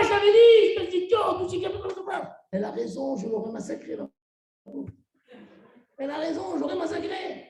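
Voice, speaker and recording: A middle-aged man from Tunisia, a rabbi giving a sermon as an animated storyteller who acts out the dialogue. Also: high voice. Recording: very echoey room, mic far off.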